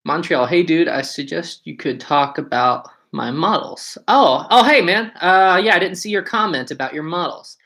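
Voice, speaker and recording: A West Virginia man hosts a casual livestream, chatting informally and answering viewer comments. His voice sits on the high side and is gravelly, bright and forceful, delivered animatedly at a normal speed with few pauses.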